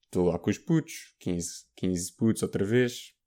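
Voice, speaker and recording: A young man with a fairly low voice tells a story in a casual chat. He is lively and jumps into other people's voices, with plenty of everyday fillers along the way. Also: measured pace.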